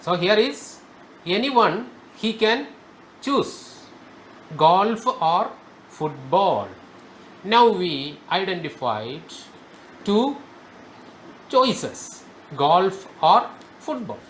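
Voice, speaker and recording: Slow, high-voiced man teaching grammar. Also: sing-song, a little hiss or hum. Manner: slow, emphatic, repeats key words. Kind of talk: spoken grammar lesson.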